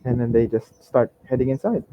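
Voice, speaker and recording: A man's voice: medium pitch, expressive, brisk. A man running a tabletop game as game master, laid-back, laughing often and fumbling through his notes. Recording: dull lo-fi sound with faint noise.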